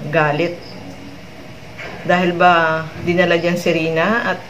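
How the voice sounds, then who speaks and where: A woman's voice: on the low side, muffled recording, a little hiss or hum. A woman hosting a vlog, giving chatty commentary to her viewers and ending many remarks with tag questions. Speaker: vlog host commenting on a clip.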